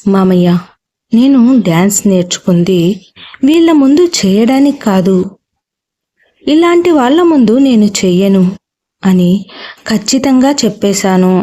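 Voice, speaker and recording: A woman voicing a young woman who falters at first and then firmly tells her painful past, in a warm, mellow voice. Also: mid-range voice, a little slow, long pauses, lightly acted. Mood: recounting. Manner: faltering, then firm recounting.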